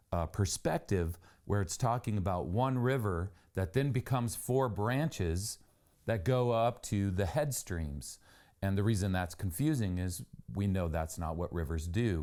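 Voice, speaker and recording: A man's voice: on the low side, darkish tone, dry recording, clean studio sound. Earnest middle-aged man explaining. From Saudi Arabia. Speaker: documentary presenter. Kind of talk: travel documentary narration.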